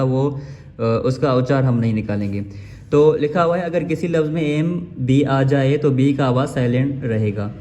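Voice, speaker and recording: A man's voice: medium pitch, dark tone. A man teaching English pronunciation in a lesson, repeating words and spelling them out letter by letter. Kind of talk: explanatory lesson.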